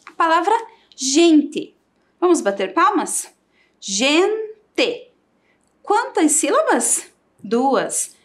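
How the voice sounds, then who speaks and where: A woman with a Brazilian Portuguese accent teaching a televised primary school lesson, sounding out syllables for children. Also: extremely high pitch. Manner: slow, lively, sings out syllables for children.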